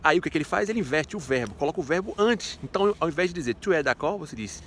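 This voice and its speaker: A man's voice: on the high side, animated, very fast, fairly bright tone, slight background noise. A man teaching a casual video lesson in a chatty, playful way, asking himself rhetorical questions. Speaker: French teacher.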